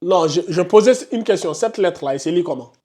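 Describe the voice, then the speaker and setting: A man's voice: high voice, animated, quick pace, mellow, a little hiss or hum. A man teaching a live tajwid class, questioning students by name and insisting they concentrate. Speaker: Quran recitation teacher.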